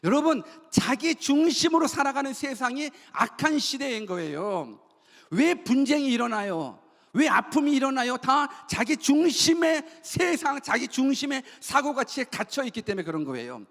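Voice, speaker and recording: A man's voice: extremely high pitch, very animated, moderate pace, a bit bright. A male pastor preaching a sermon to his congregation, posing rhetorical questions and leading them in call-and-response repetition. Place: church sanctuary. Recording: long church hall reverb.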